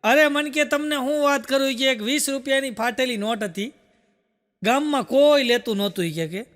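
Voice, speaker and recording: This stand-up comedian has a very high, slightly bright voice and talks at a normal speed. Performing for a live audience, he spins folksy tales packed with "I said" and "he said," captured with long hall reverb.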